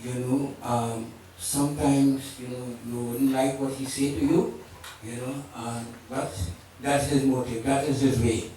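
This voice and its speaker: A man giving a funeral sermon in a halting way, with many "you know"s. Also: medium pitch, little pitch movement, dark tone, slight background noise. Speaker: funeral officiant. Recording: roomy echo, far from the mic.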